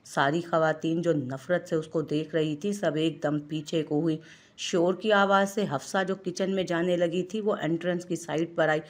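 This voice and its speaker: A woman narrating a romance novel in a dramatic reading style. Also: sits low. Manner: dramatic, reads all characters in one voice.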